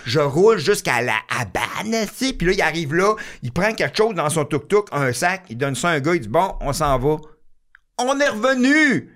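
A man with a Québécois accent, telling a story in casual chat, animated and swearing often as he acts it out. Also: a little high, normal speed.

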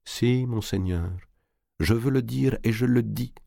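A man voicing a cold, calculating merchant who speaks in a cool, deliberate, cutting way. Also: on the low side, sing-song, a little mellow, no room sound, clean studio sound, pitched above the performer's own voice, full character voice. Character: cold calculating middle-aged male merchant.

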